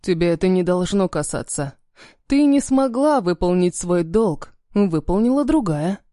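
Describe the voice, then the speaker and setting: A woman's voice: fairly low pitch, animated, measured pace, dark tone, no room sound, clean studio sound. A woman voicing a stern, cold-tempered man who speaks in clipped, commanding lines.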